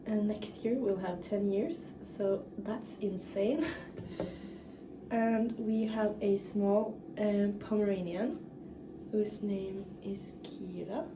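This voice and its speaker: A young woman from northern Norway chats in Norwegian-accented English while doing her hair for a get-ready-with-me vlog, halting often with fillers and restarts. Her mid-range voice is steady, recorded far from the mic in an echoey room with clear background noise.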